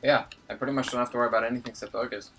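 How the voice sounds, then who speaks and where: A man's voice: mid-range voice, fairly even intonation, racing, a bit bright. A man hosting a gaming video, chatting casually and explaining his strategy while he plays. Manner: laid-back, explains strategy. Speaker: gaming channel host. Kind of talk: casual gameplay chat.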